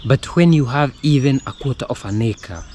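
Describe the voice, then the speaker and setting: A man's voice: mid-range voice, animated, normal speed, mellow. A man, co-hosting a conversational commentary in a garden. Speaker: co-host. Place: outdoors in a leafy garden. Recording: outdoor noise with birdsong, insects. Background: birds and insects.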